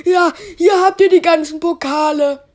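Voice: very high-pitched, steady tone. Eine junge Stimme spielt einen tollpatschigen, begriffsstutzigen Jungen, der zögernd und mit vielen Ähs spricht. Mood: apologetic. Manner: slow, hesitant, full of fillers. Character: clumsy dim-witted boy thief Spike. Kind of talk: improvised fan story voicing.

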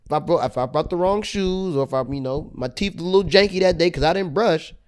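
A man's voice: on the high side, fast, smooth. A young man co-hosting a podcast, telling stories in casual, profane chat. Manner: animated, profane storytelling. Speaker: podcast co-host.

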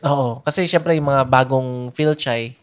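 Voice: medium pitch, a little slow. A young adult host from the Philippines, casually chatting on a podcast, rambling with lots of fillers and laughs.

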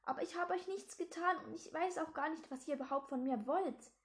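A woman's voice: sits high, a little fast, pitched above the performer's own voice, close to an everyday voice. A woman voicing a nervous young boy who pleads and stammers in a storybook reading. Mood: pleading.

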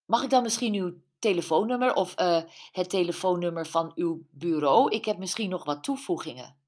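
A woman's voice: on the low side, normal speed, close to an everyday voice. Brenda, a woman doing an eager amateur sleuth. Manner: excited, questioning. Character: eager nosy middle-aged woman sleuth.

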